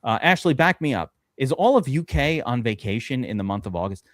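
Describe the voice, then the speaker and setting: A man's voice: mid-range voice, very animated, a little fast, no echo, clean studio sound. Rambling man on a live stream. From USA. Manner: rambling storyteller, swears freely, many fillers. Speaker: podcast host drafting fantasy football. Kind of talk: casual live-stream chat.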